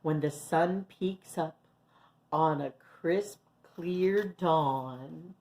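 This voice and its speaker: A woman reading a children's picture book aloud as storyteller, with slow, very expressive delivery. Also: sits low.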